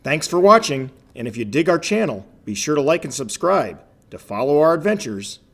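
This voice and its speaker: A man's voice: a little high, sing-song, moderate pace. A man narrating his channel's trip as host, in scripted voice-over.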